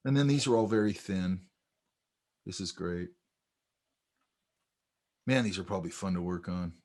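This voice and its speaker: A man teaching a sketching class in a relaxed, chatty way, telling stories while he points out details in drawings. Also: low voice, unhurried. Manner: animated, storytelling, talks over drawings. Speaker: art instructor. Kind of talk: casual teaching chat.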